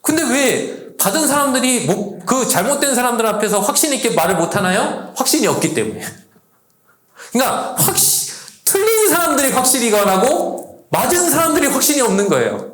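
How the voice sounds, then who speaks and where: A man pastor preaching a sermon to a youth service, lively, acting out the voices he quotes. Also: very high voice, fairly quick, reverberant. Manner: animated, acts out quoted voices. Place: church sanctuary.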